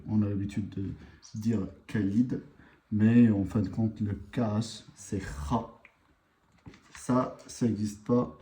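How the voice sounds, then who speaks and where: A man gives a live language lesson in a slow, halting way, filling his pauses with hesitations. His voice is deep and very dark in tone. The sound has a roomy echo and a faint background hiss. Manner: unhurried, hesitant, many fillers. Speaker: language teacher.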